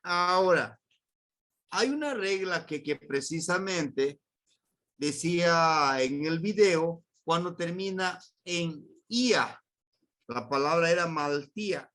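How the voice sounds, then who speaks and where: A Mexican-accented man teaches a class, his voice pitched high and rising and falling a lot. He speaks slowly, repeating each word and quizzing the students with patience. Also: fairly bright tone. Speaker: language teacher. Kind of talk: classroom grammar lesson.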